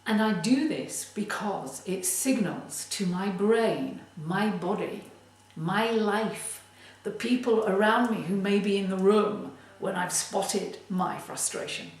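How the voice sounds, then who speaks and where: A woman giving a motivational tip as a creativity coach, speaking in a deliberate, emphatic way. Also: mid-range voice, expressive. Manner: slow, deliberate, emphatic delivery. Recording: very echoey room, distant mic.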